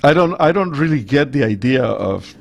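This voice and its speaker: A man's voice: medium pitch, expressive, normal speed, creaky. A middle-aged man from Costa Rica with a Costa Rican Spanish accent, hosting a talk radio show in a rambling, anecdotal way. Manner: rambling, anecdotal, with many restarts.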